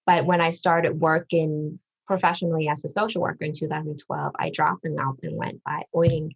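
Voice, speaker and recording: A woman from Vietnam, a social worker and therapist, giving thoughtful, measured answers in a podcast interview. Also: low-pitched, little pitch movement, creaky, husky, dull audio. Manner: thoughtful, measured, with frequent ums.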